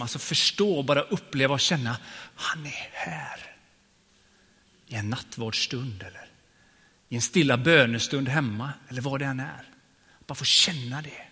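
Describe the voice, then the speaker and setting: A man preaching a sermon, telling personal stories and moving between hushed and emphatic delivery. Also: mid-range voice, husky. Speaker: pastor. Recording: long hall reverb.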